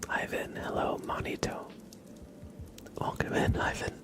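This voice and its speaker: A male livestream host whispers ASMR-style into a close microphone, reading out and thanking his chat. His whispering is soft and slow with light chuckles, and the mic picks up mouth sounds.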